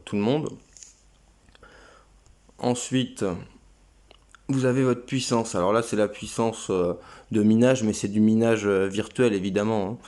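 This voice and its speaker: A crypto channel host with a lowish, slightly mellow voice walks viewers through a website in a screen-recorded session. He's casual and hesitant, using lots of fillers.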